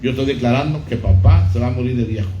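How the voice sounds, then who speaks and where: A man's voice: mid-range voice, quick pace, slight background noise. Preaching man in an echoey church. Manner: preaching, repeats key phrases, quizzes the congregation. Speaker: pastor. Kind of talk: sermon. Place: church hall. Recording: muffled echoey church recording.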